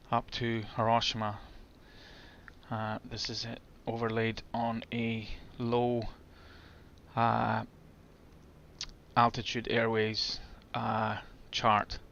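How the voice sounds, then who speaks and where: A man talks slowly and evenly through a flight simulator session, chatty and thinking aloud. His tone is bright and forceful but stays flat in pitch. The recording is a little dull, with faint noise behind him. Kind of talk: casual commentary while gaming.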